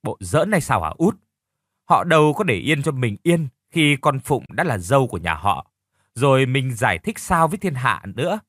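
A man voicing a sharp-tongued, worried middle-aged woman who scolds loudly. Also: mid-range voice, very animated, normal speed, no room sound, clean studio sound. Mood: scolding. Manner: scolding, alarmed.

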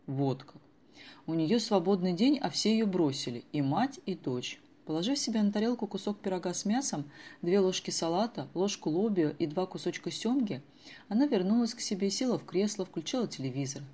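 Brief: low-pitched woman narrator, measured audiobook storytelling. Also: animated, mellow, slightly rough.

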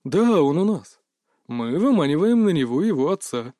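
A man voicing a calm, mocking male kidnapper boss who talks with quiet menace. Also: on the high side, normal speed, no room sound, clean studio sound. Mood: deferential.

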